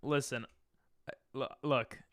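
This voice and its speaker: A native Hebrew speaker livestreams a game, chatting casually, reading the chat, and breaking into playful freestyle rhymes. His medium-pitched voice is slow and a bit bright with fairly even intonation, captured as clean studio sound with no room noise.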